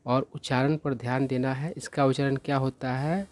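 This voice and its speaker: A man's voice: medium pitch, level tone, a little mellow, no room sound. A man teaching English vocabulary in Hindi, explaining each word patiently and checking understanding often. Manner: slow, patient explaining, repeats "ठीक है" checks; carefully spells out pronunciation.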